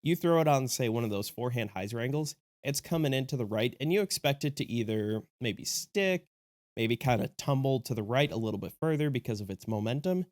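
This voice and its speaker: A man's voice: mid-range voice, lively intonation, a little fast, darkish tone, no echo, clean studio sound. A sick man whose voice sounds a little off, hosting a casual review vlog in a chatty, enthusiastic and joking way. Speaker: disc golf video host.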